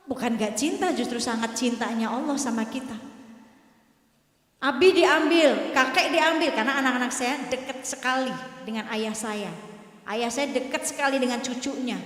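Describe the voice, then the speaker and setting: A woman's voice: high voice, fairly bright tone. A middle-aged woman preacher giving an emotional sermon, telling a personal story and speaking to the women in the audience. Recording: echoey hall.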